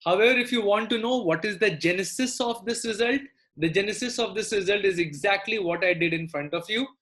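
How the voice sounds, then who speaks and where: A woman's voice: medium pitch, fairly quick, a bit bright. South Indian woman teaching maths. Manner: repeats phrases, checks in with students often. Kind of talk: live online lesson, explaining and prompting students.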